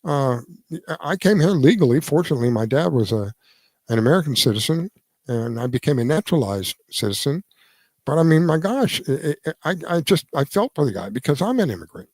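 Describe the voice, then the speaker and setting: A man in his seventies giving his opinion in casual radio talk, earnest and halting, restarting his sentences as he goes. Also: on the high side, no echo. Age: 70s. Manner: lively, swings between emphatic and quiet. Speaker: radio show host.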